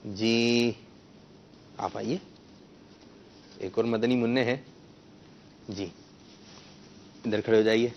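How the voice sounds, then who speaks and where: A man's voice: on the low side, fairly even intonation, long pauses, darkish tone, slight background noise. A man hosting a children's quiz show, coaxing the kids and correcting their pronunciation. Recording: muffled lo-fi broadcast sound.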